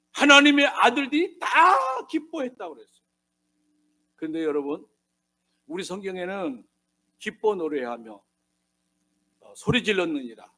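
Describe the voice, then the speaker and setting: A man preaching a sermon as a pastor, swinging between hushed asides and loud emphatic bursts and acting out the voices he quotes. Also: high-pitched. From South Korea.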